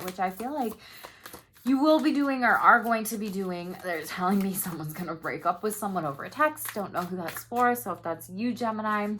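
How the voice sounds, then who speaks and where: Young woman doing a chatty tarot reading, upbeat, swears a lot, mid-pitched voice, bit of hiss behind. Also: fairly bright tone. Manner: chatty, upbeat, swears casually, laughs often. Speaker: tarot reader. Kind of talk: casual tarot reading to camera.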